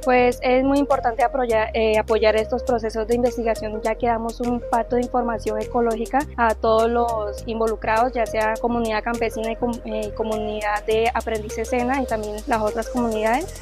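A young woman with a Colombian accent giving an interview testimonial outdoors, speaking haltingly as she searches for words. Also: fairly high pitch, level tone. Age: young adult. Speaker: apprentice student. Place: outdoors in a park. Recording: music bed behind the voice.

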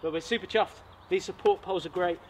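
A man's voice: high voice, fast, a little mellow, a little hiss or hum. A man in his thirties hosting an outdoor bushcraft vlog, explaining the build with enthusiasm as he works in a forest. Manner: enthusiastic, explains while working. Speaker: bushcraft channel host. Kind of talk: casual outdoor vlog talk. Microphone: camera mic, sometimes far off.

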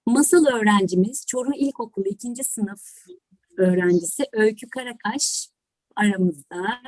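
On an online video call, a woman hosts an event as both host and teacher, sounding polite, formal, and grateful. Her medium-pitched, darkish voice comes at normal speed with no echo, though the recording quality is low.

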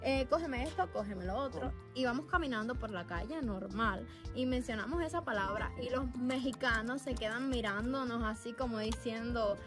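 Brief: young Cuban woman, high voice, chatty anecdotes, windy outdoor phone recording with music over it. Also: normal speed, hardly any pauses. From Cuba. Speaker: vlogger. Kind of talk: casual storytelling to camera. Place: outdoors in wind. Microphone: camera or phone built-in mic.

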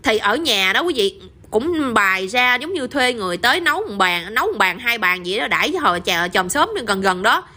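Southern vietnamese woman telling a story, chatty, high quick voice. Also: sing-song, pushed and bright. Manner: chatty, addresses listeners often with tag questions. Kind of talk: casual spoken storytelling.

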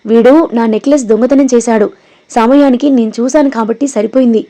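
A woman's voice: fairly high pitch, steady tone, a little fast, dark tone, lightly acted. Sukanya, a scheming dramatic woman, read by a woman. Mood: accusing.

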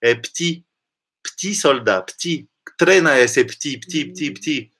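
A French man teaching the pronunciation of a song's lyrics, singing lines slowly and then explaining them. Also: medium pitch, a bit bright, husky.

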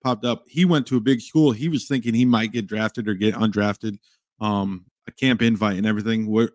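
Man, sports podcast co-host, excitable, stammery restarts, dry sound. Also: fairly low pitch, brisk, no echo. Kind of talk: casual sports podcast chat.

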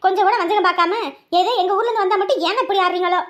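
Very high-voiced exasperated young wife, acted by a woman. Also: lively intonation, fast. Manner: exasperated, talking back. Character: put-upon young wife, defiant and exasperated. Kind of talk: family drama acting.

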